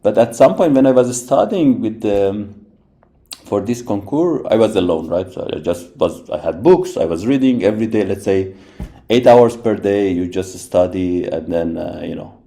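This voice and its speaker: Low and warm, at a normal pace, the voice belongs to an Iranian robotics professor guesting on a podcast. He talks through his background casually and thoughtfully, restarting sentences and adding "right?" a lot.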